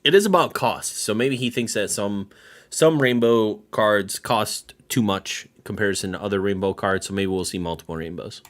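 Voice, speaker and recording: A man's voice: fairly low pitch, moderate pace. A man hosting a casual reaction video, giving blunt, dismissive opinions and laughing often.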